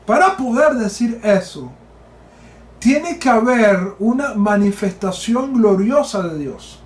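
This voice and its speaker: A man giving a Torah sermon, slow and emphatic, repeating key phrases and rising to near shouts. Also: high-pitched, reverberant. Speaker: teacher of Torah.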